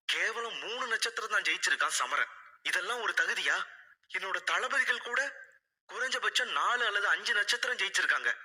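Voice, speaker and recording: A proud, fiery young princess, put on by a male storyteller, her voice high, lifting and falling with indignation. She pleads half in tears. A long reverb and faint music sit behind her. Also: exaggerated voice. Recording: roomy reverb with soft music.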